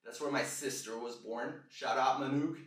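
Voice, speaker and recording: A man's voice: mid-range voice, steady tone, normal speed, fairly bright tone. A man in his thirties from Brazil, hosting a casual podcast monologue in a loose, rambling, self-mocking way. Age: 30s. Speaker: podcast host. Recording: echoey room, distant mic, music behind.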